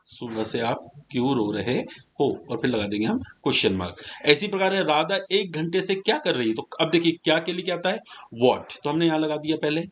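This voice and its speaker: A man's voice: on the high side, a bit bright, slight background noise. A man teaching English grammar in a Hindi classroom lesson, explaining patiently step by step and asking his students questions as he goes. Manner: slows down to dictate English words one at a time.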